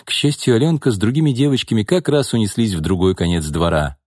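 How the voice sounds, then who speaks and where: A man reading a novel aloud as audiobook narrator, in a steady, even manner. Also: lowish voice, quick pace, dry recording, clean studio sound. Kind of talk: scripted narration.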